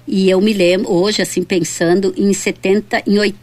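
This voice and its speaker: Middle-aged woman councillor, southern Brazilian accent, relaxed reflective reminiscing, mid pitch. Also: normal speed. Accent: southern Brazilian, Rio Grande do Sul. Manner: reflective, tags sentences with "né?". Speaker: city councillor, guest. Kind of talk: casual reminiscing conversation.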